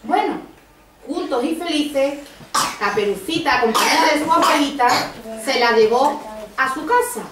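A woman from Andalusia narrating a fairy tale in an expressive sing-song way to small children. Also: sits high, normal speed, crowd noise. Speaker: storyteller mother. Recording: echoey school hall from far off, noisy.

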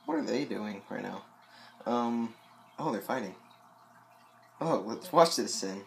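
A man's voice: on the low side, measured pace, gravelly, slight background noise. A young man chatting casually to his viewers about his aquarium, rambling with lots of fillers, his voice a little loose. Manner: rambling, many fillers and asides. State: voice a bit loose. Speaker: aquarium vlogger. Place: home, by a fish tank.

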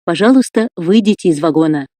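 A man's voice: high voice, lively intonation, warm tone, dry recording. Formal male announcer over train intercom. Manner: measured, formal, evenly paced. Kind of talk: recorded transit announcements.

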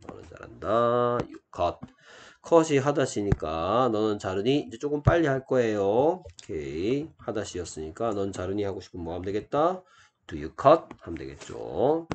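A man teaching an English grammar lesson step by step, asking rhetorical questions and slowing down to model sample sentences. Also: lowish voice, very animated, a little mellow, a little hiss or hum.

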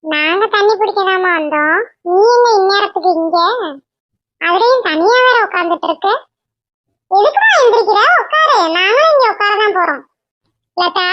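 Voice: very high voice, lively intonation, moderate pace, pauses often, no echo. A voice actor playing a kind, motherly older village woman in a Tamil cartoon, soothing and advising with a Tamil accent. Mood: curious. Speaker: cartoon character. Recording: dull lo-fi dry voice track.

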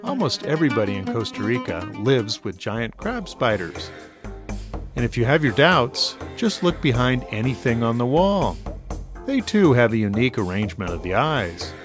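Male narrator for a nature documentary: lively intonation, informal, wry playful touch, over a music bed. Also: medium pitch, moderate pace. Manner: informal, wryly playful wording.

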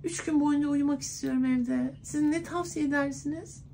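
Man doing a high-pitched coy woman's voice. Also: steady tone, moderate pace, gravelly, dark tone, slight background noise. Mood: flirty, sweet. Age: 20s. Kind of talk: prank phone call. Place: clothing shop, indoors.

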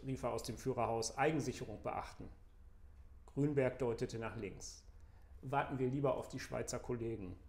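Guy reading his own thriller out loud, tense and measured, bit of fry in the voice, roomy echo. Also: medium pitch. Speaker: author reading his novel. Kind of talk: dramatic crime novel reading. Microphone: studio microphone.

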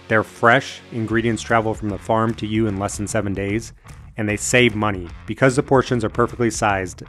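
Male host in his 30s, scripted presenter read, music underneath. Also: lowish voice. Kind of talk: scripted sponsor read and narration to camera.

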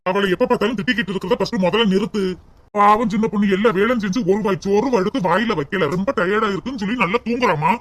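Brief: a placating cartoon son voiced by a man, high voice and quick delivery. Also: fairly bright tone. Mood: pleading. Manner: pleading, placating. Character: patient adult son defending his wife. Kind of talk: cartoon comedy voice acting.

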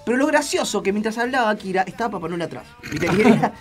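A man's voice: high-pitched, lively intonation, fast talker, faint music behind. An Argentine man telling a funny story in a casual radio chat, laughing often. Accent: Argentine Spanish.

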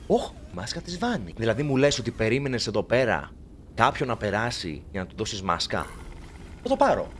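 A young man playing a horror video game, talking to the characters and joking, with sudden shouts when startled. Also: lowish voice, a little hiss or hum. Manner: animated, jokey, talks to game characters, bursts into shouts. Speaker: gaming YouTuber. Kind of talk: let's play commentary.

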